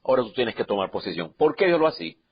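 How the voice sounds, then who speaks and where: A man preaching a sermon with passion, swinging from quiet, low asides to loud, rising declarations. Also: big pitch swings, quick pace, slightly rough. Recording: dull lo-fi sound.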